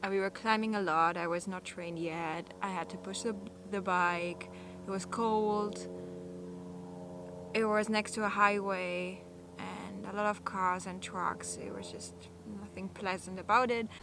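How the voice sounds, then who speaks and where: A woman, a touring cyclist, speaking English in a quiet, half-whispered way. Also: medium pitch, fairly even intonation, a little slow, noisy background. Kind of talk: interview recollection. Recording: clear music behind.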